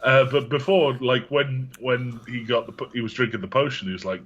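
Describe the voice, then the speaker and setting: A man's voice: mid-range voice, steady tone, a little fast, fairly bright tone, slightly rough, muffled recording. A man co-hosting a podcast, chiming in with laid-back quips and the odd swear word. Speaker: podcast co-host. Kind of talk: casual film recap chat.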